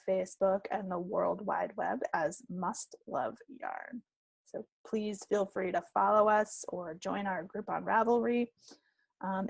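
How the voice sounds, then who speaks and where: This podcast co-host, recording an online call at home, has a gravelly, medium-pitched voice with no echo around it. She keeps things chatty and playful.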